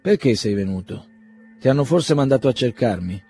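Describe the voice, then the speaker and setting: A man's voice: medium pitch, expressive, moderate pace, warm tone, soft background music, lightly acted. A man voicing a blunt, impatient young man who talks brusquely and commandingly in an audiobook reading.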